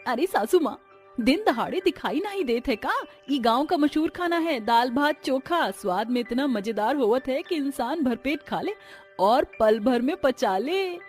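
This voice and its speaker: A woman voicing a cheeky young village bride from Banaras, speaking in a loud, drawling village dialect with a Bhojpuri-tinged eastern Hindi accent, over soft music. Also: high-pitched, expressive, a little slow. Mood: sassy.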